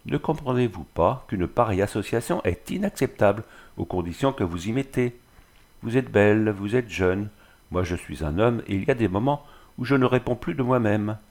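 Man voicing a sneering drunken glassmaker for a storybook, fairly low, bitter. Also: expressive, normal speed, a little mellow. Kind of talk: audiobook character reading.

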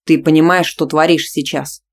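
A reader voicing a jealous, domineering young man who speaks loudly and sternly in a storybook reading. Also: mid-range voice, steady tone, fairly quick, lightly acted. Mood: angry, stern. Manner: loud, stern, commanding.

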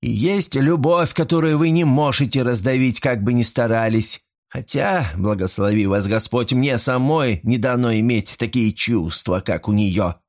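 A man's voice: mid-range voice, moderate pace, a little mellow, voice pushed up, natural voice. A man voicing an older, outspoken, pious female housemaid who talks boldly and keeps calling on God. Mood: protective. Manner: bold, pious exclamations.

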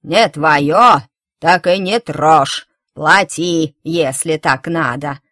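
Woman reader putting on a bitter toothless crone for a storybook, slow and loud, a touch low. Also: no echo, clean studio sound. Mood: scolding. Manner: slow, loud, drawn-out scolding. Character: spiteful toothless old woman flower-seller, bitter.

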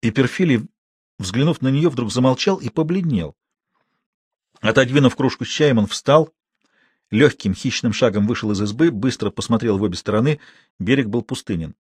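A man reading a novel aloud in measured, steady scripted narration. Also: mid-range voice, breathy edge, dry recording. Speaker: audiobook narrator.

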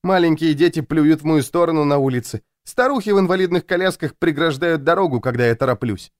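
A man doing a high, jittery, plaintive woman. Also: fast talker, no room sound, clean studio sound, close to an everyday voice. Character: frazzled, jumpy woman who feels hunted.

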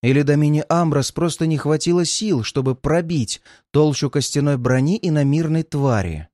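A man narrating a dark fantasy audiobook in a measured, dramatic reading. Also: a little high, no echo, clean studio sound.

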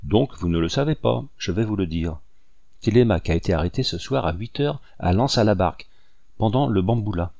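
A man voicing a cunning, scheming older woman who speaks curtly and in a hushed tone, in a dry recording. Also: lowish voice, animated, a little fast, gravelly, no echo. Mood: persuading. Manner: curt, sharp, hushed.

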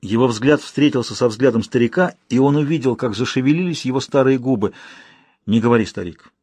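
A male audiobook narrator with a husky voice and a measured, steady delivery. The recording is dry and close, with no room sound. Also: mid-range voice, dry recording. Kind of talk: scripted narration.

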